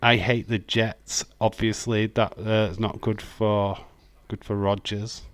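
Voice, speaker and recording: In a dry recording, a chatty livestream host with a broad Yorkshire accent, from Yorkshire in England, runs a casual watch-along. His voice is lowish with little pitch movement, and he reads viewer comments out loud, swears, and peppers his talk with "uh" and "um".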